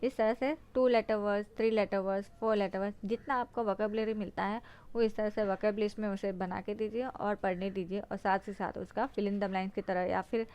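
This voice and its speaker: A woman's voice: mid-range voice, steady tone, fairly quick, a little mellow, clean tone. A woman explaining phonics to parents, spelling out words letter by letter and then sounding them out.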